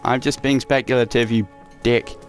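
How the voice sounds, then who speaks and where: Over faint game music, a let's play host talks casually while playing a horror game. This young man speaks at a moderate pace with a medium-pitched, fairly even voice, reading notes from the game aloud and cursing at it sarcastically.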